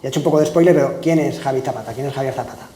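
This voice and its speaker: A man's voice: mid-range voice, rapid-fire, dark tone, echoey room. A man hosting an interview podcast in a casual, chatty way, with frequent restarts. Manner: chatty, friendly, with many restarts. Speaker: podcast host.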